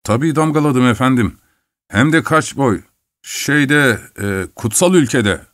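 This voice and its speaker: A man's voice: mid-range voice, expressive, unhurried, a bit bright, no room sound, studio quality, pitched above the performer's own voice. A man voicing a glib, easygoing fellow who talks offhandedly in an audiobook reading. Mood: offhand. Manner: chatty, offhand. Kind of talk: audiobook character voice.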